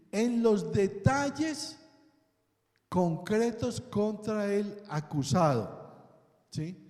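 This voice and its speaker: A man's voice: sits high, a little mellow. A male pastor preaching a sermon, asking the congregation questions and checking in with them often. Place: church hall. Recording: echoey church hall.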